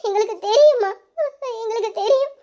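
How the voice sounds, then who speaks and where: A woman's voice: very high voice, fast talker, mellow. A woman playing a young adult daughter in a family drama, speaking in an earnest, apologetic and affectionate manner. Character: Nila, grown daughter, loving and apologetic. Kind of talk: emotional family drama acting.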